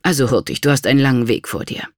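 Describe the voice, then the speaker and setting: A reader doing a stern, brisk kitchen cook. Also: medium pitch, dry recording, studio quality, lightly acted.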